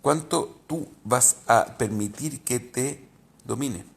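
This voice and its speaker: A man's voice: medium pitch, slow, vocal fry, a little hiss or hum. A man, a rabbi giving an informal spiritual talk, candid and reflective, often hesitating and restarting.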